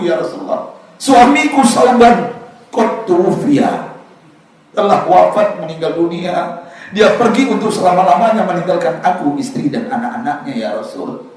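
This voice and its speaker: A man's voice: sits high, very animated, moderate pace. A grieving widow pleading through tears, as a man preaching puts her on. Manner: tearful pleading. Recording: echoey prayer room from far off.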